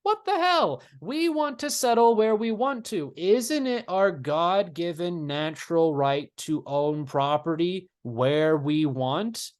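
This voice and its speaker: A shrill, outraged colonist who whines and protests, pitched well up, as a male history teacher puts him on. The voice leaps high and swings around with indignation. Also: sing-song, normal speed, a little mellow. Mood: indignant. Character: indignant, panicky male colonist, young adult.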